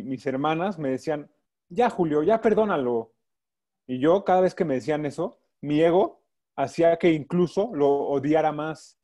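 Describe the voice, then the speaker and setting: A man's voice: on the high side, dark tone. A young man with a Mexican accent, a guest in an interview, telling a personal story and acting out his inner voices in quotes. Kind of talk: personal testimony.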